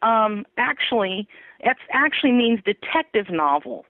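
A woman author telling her story in an animated, laughing way during an interview. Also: on the high side, measured pace, dry recording. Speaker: author guest. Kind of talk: interview over phone. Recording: tinny phone line, dry.

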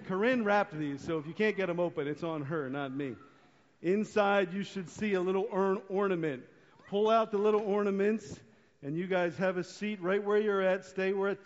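A man leading a children's sermon at a church service, upbeat and coaxing as he talks to the kids. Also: high-pitched. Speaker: pastor. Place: church sanctuary. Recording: dull sound with long church reverb.

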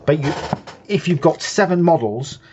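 A man's voice: on the high side, lively intonation, moderate pace, dull audio, background noise. A man co-hosting a hobby show, patiently explaining game rules in casual chat and often restarting his sentences. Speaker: co-host.

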